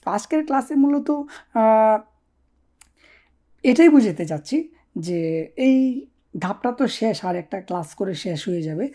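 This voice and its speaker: A woman teaching an online language lesson in a casual, coaxing way, often checking that learners follow and slowing down to model practice sentences. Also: on the high side, lively intonation, mellow. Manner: coaxing, repeats "ঠিক আছে?" to check on learners.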